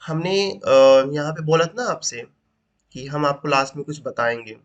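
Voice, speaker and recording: A man's voice: fairly high pitch, normal speed, lo-fi sound. A man teaching an English grammar lesson, asking rhetorical questions and repeating each point as he explains. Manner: asks rhetorical questions, repeats points, says "ठीक" often.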